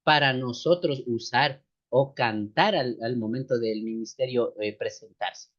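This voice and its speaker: A man's voice: mid-range voice, a little slow. A man with a slight cold teaching a church music lesson, explaining step by step and calling his listeners sisters and brothers. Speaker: seminary teacher. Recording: dull lo-fi recording.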